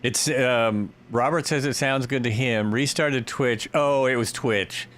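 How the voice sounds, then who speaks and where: A man hosting a live stream, chatting casually with viewers while he flies, thinking aloud and breaking into excited yelps and cheers. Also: medium pitch, a little slow.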